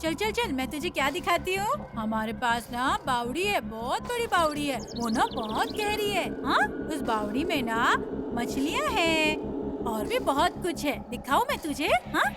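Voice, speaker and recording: A gentle girl coaxing a baby. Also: high-pitched, very animated, a little slow, over loud music. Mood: soothing. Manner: soft, coaxing, singsong baby talk. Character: gentle young woman soothing a crying baby. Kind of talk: TV serial acting.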